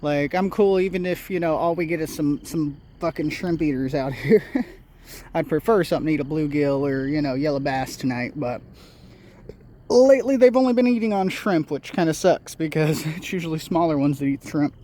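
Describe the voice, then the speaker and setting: A man chatting casually while night fishing on a riverbank, excitable, swearing a lot and laughing often. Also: fairly high pitch, normal speed, a little hiss or hum. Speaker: angler filming his night fishing. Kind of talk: casual fishing vlog chat.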